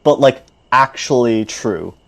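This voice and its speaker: A man's voice: medium pitch, expressive, slow pace, vocal fry, fairly bright tone, no echo. A man co-hosting a casual podcast, joking and swearing for emphasis. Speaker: podcast co-host.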